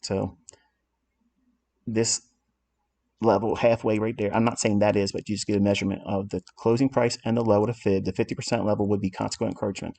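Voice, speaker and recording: A man's voice: on the low side, level tone, brisk, creaky, warm tone. A man walking through trading charts in a lesson, blunt and self-assured as he explains what he authored. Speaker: trading educator.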